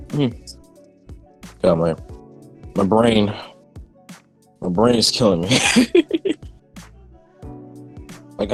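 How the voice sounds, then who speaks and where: A young man streaming in casual solo chat, tired and rambling with lots of fillers and swearing. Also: low voice. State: tired, just woke up.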